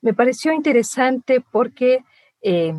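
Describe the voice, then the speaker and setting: A woman's voice: high voice, expressive, unhurried, a little mellow, no echo, clean studio sound. A woman from Latin America with a Latin American Spanish accent, co-interviewing with long, thoughtful questions.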